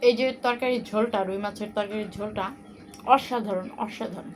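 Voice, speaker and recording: A woman talks to her viewers as she eats in a mukbang show. Her voice sits at an average pitch, and she speaks in short, casual phrases broken by appreciative hums. There is clear noise behind her. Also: steady tone, fast talker, a little mellow. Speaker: mukbang host.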